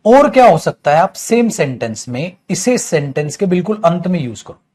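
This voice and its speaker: Lively husky male teacher. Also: high voice. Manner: lively, addresses students as beta, repeats phrases slowly. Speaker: English teacher. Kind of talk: classroom grammar lesson.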